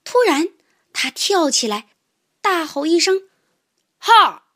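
Woman storyteller for kids: high, very lively voice, slow and expressive. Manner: expressive first-person narration with sighs. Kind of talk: children's storybook reading.

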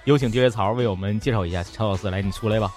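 A man's voice: fairly low pitch, very fast, a little mellow, soft background music. A man with a Northeastern Chinese accent hosting a casual comedy podcast, bantering in colloquial speech. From Tieling, northeastern China. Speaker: podcast host. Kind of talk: casual comedic interview chat.

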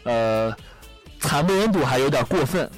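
Young guy hosting radio, laughs at his own jokes, very lively pitch, soft music under it. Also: normal speed. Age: young adult. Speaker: radio show host. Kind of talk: casual comedic storytelling.

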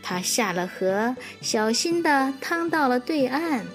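Slow, expressive woman telling a children's story. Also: high voice, soft background music.

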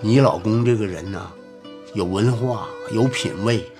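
An actor playing an earnest rural man who talks persuasively and haltingly in a TV drama. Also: lowish voice, over music. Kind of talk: TV drama acting.

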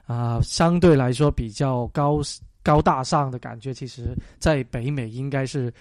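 A male finance talk-show host who speaks slowly and easily, often pausing on fillers. His voice is dark and mellow. It sits close and dry, with no room sound. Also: mid-range voice, no echo. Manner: slow, relaxed, with frequent fillers. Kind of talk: casual talk-show interviewing.

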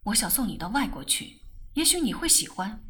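A woman reading an audiobook, voicing a caring older brother who coaxes his sister in a lowered, husky voice. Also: big pitch swings, brisk, fairly bright tone. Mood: coaxing. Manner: coaxing, pleading.

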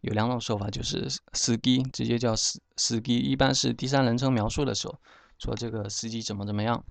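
A man teaching vocabulary, saying each word slowly and repeating it for learners. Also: medium pitch, steady tone, gravelly, no echo. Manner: slow, repeats words for learners. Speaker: language teacher. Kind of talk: explaining vocabulary pronunciation.

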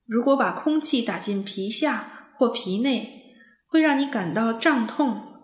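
A kindly rabbit doctor from a children's storybook, calm and patient as he walks the little ones through a lesson, voiced by a woman reading aloud. Her voice stays fairly high, with an echoey room behind it. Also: a little slow. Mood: explaining. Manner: patient, explaining.

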